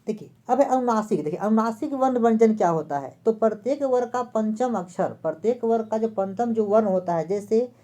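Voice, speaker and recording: A woman's voice: fairly high pitch, fairly quick, hardly any pauses, mellow. A woman teacher giving an exam-prep lesson. She asks a question, then answers it herself and repeats the key terms. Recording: dull lo-fi recording.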